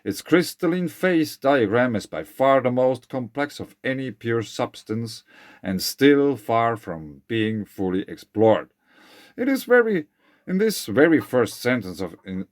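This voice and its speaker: A man presents his own written research in a close, dry recording. His s sounds whistle as he speaks. He moves between reading aloud and informal asides, often halting and correcting himself. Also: medium pitch, no echo.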